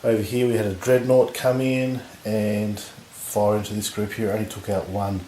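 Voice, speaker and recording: A man with a husky voice from recent illness, giving relaxed, rambling commentary on a tabletop battle. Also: fairly low pitch, moderate pace. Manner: relaxed, rambling, lots of fillers. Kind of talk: casual game commentary. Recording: echoey room with faint noise.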